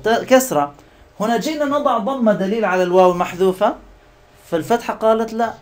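A male teacher with a slightly high voice works through a grammar lesson in a patient, explanatory way. He keeps asking the class questions. He draws out example words slowly so the students can hear each part.

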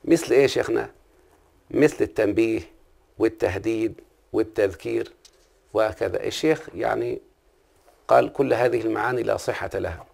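A man's voice: lowish voice, brisk, creaky, pauses often, a little mellow, slightly rough. A man with an Egyptian accent teaching a classical Arabic grammar lesson, often stopping to ask his listener questions. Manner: asks the listener frequent check-in questions.

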